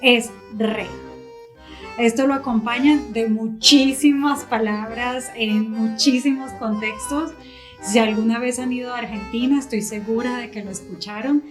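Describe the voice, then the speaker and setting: A woman with a fairly high voice co-hosts a Spanish lesson, explaining with lively emphasis. She often affirms her partner with short sounds. Soft music sits faintly in the background. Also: measured pace. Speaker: Spanish teacher.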